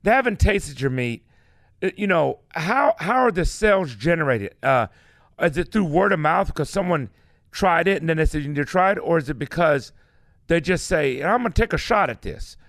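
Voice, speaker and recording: Male radio co-host, lively and slightly high, tripping over his questions, with a dry studio sound. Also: moderate pace, no echo. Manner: chatty, stumbling interviewer. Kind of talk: casual interview.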